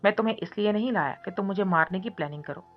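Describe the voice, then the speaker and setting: A woman voicing a confident, powerful young man who gives orders and teases calmly. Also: medium pitch, racing, lightly acted. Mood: commanding. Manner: calm, teasing, issuing orders. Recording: muffled recording with soft music.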